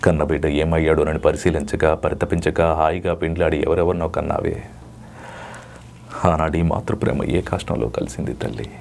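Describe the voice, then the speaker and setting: A man's voice: very deep voice, steady tone, normal speed, gravelly, a little mellow, a little hiss or hum, voice pushed down. A man voicing a proud warrior prince who reproaches his mother in solemn, theatrical mythological dialogue. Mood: grieving reproachful. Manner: solemn, reproachful dramatic recitation.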